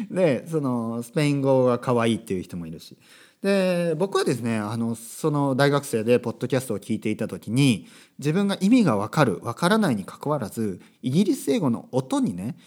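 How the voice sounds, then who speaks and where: A man's voice: mid-range voice, a little mellow. A man in his thirties hosting a casual solo podcast, chatty and rambling, often correcting himself mid-sentence. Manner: chatty, self-correcting, asks listeners rhetorical tags. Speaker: podcast host. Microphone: podcast microphone.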